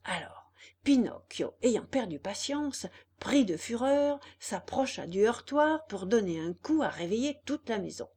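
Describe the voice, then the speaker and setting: A woman narrating a children's story in an expressive, deliberate way. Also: fairly high pitch, slightly rough. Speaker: audiobook reader.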